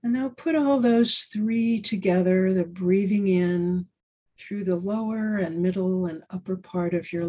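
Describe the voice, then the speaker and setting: A woman talks a listener through a breathing exercise with slow, gentle, soothing instructions. Her voice is mellow and a little breathy, and she leaves long, unhurried pauses between phrases. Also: fairly low pitch.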